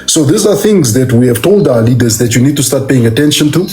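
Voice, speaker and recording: A man's voice: mid-range voice, lively intonation, fast talker, darkish tone, soft background music. A man speaking as a guest on a call-in discussion, earnest and polite toward the host.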